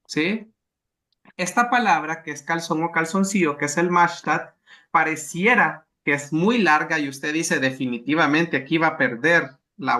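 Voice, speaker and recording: A man leads a language lesson in a bright, slightly high voice. He explains each grammar rule patiently, repeating examples and checking in with his students as he goes. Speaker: language teacher.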